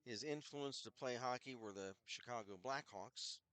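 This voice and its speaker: An older man with a head cold and a scratchy throat calls a hockey game play-by-play, chatting casually between plays in a rambling way with self-deprecating asides. His voice is mid-range and fairly bright, at a moderate pace, and the recording has no echo.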